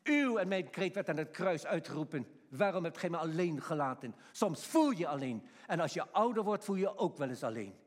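A man's voice: high voice, very animated, normal speed, few pauses. A middle-aged man preaching a sermon in a folksy, emphatic way. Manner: emphatic, folksy, acts out shouted quotes. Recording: long hall reverb.

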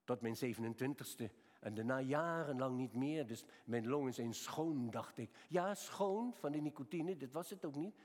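A man's voice: medium pitch, normal speed. Older male preacher in a reverberant hall. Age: 70s. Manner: storytelling, swings from quiet to raised emphatic. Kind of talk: sermon.

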